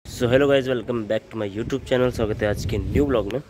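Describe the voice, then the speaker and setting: A young man in his twenties chats casually into a camera held at arm's length, relaxed and easygoing, slipping English phrases into his talk. His voice sits at an ordinary middle pitch. Clear street and traffic noise runs underneath. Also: measured pace. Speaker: vlogger. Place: outdoors on streets and in a small shop. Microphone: handheld camera at arm's length. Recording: noisy outdoor street sound.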